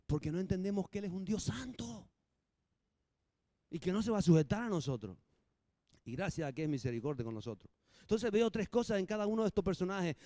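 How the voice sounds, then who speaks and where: A man preaching a sermon, lively and humorous, acting out little dialogues between the points. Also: high voice, no echo. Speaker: pastor.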